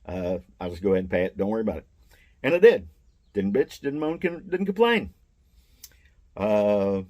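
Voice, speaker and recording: A man's voice: on the low side, mellow. An older man, retired, telling a meandering, plain-spoken story about trouble as a vendor at a mall booth. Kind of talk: casual first-person storytelling.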